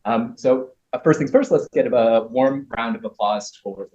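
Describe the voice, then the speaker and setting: A man's voice: mid-range voice, measured pace, warm tone. A man hosting an event, reading a formal introduction of a speaker with hesitant fillers. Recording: dull lo-fi audio.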